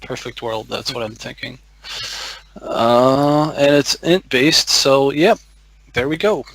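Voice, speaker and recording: Brief: male player, slow unhurried delivery, bright tone, dry close sound. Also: medium pitch, gravelly, dry recording. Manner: slow, thinking aloud with fillers and laughs. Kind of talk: playing a tabletop game.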